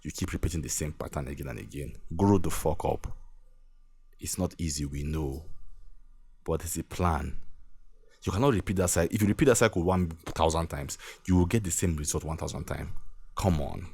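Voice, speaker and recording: Brisk and breathy, with an extremely low, darkish voice, a young Nigerian podcast host gives an earnest motivational monologue. He repeats his points and chuckles a little now and then.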